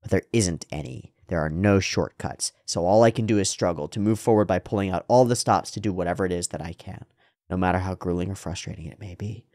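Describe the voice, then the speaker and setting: An earnest young male anime hero, as acted out by a man declares his resolve in a fairly low voice. He is solemn and determined, speaking in declamatory vows. The sound is dry and close. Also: brisk, warm tone, no echo. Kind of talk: paraphrased anime speech in reaction commentary.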